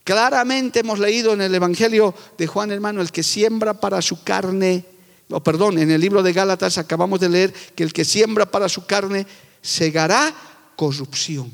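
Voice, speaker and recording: Man, pastor, high voice, fervent sermon, loud then hushed, long church reverb. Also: normal speed, vocal fry. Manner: fervent preaching, swinging from loud proclamations to quiet confiding. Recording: echoey church hall.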